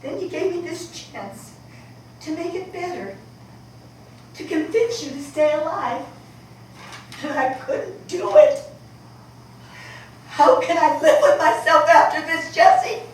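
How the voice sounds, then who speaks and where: A woman's voice: sits high, expressive, slow pace, pauses often, dark tone. A woman acting the part of an aging mother in a stage play, pleading with her grown daughter through emotional outbursts. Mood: despairing. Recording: echoey hall from far off, background noise.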